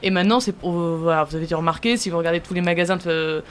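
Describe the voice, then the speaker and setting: A woman co-hosting a casual round-table talk, telling an example in a lively way with restarts. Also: lowish voice, fast, slight background noise. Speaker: podcast co-host.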